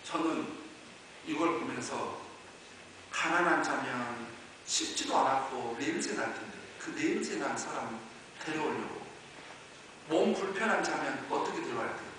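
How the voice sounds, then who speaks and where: A male pastor delivering a sermon in a bright, high, lively voice that swings from quiet explanation to shouting. He is picked up from far off in a big echoing hall with a long reverb tail. A faint hiss runs under the recording. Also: unhurried.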